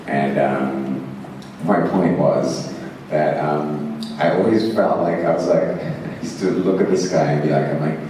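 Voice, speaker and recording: A man from Zimbabwe with a very low voice tells rambling, self-mocking stories to a convention crowd. He laughs often and leans heavily on fillers. The sound is picked up from a distance and rings through a big, echoing hall. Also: measured pace, mellow, a little hiss or hum. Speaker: actor answering fan questions on a panel. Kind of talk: convention Q&A storytelling. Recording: echoey hall, mic heard from afar.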